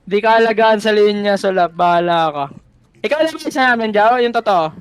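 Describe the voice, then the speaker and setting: A man's voice: sits high, animated, a little fast, clear, resonant tone, no room sound. A young man making pushy calls and crude jokes in casual gaming voice chat.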